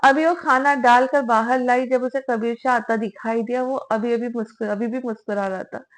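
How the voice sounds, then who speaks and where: Woman reading a romance novel out loud, steady storyteller, kinda high voice. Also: normal speed, poor audio. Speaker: audiobook narrator. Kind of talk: dramatic novel narration.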